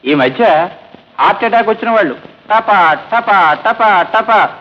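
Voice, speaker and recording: Role: a sly fast-talking fake palm reader. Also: male voice, high voice, lively intonation. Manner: coaxing, teasing, fast patter. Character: scheming smooth-talking man posing as a palm reader. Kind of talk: old Telugu film comedy dialogue. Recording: dull lo-fi old film soundtrack.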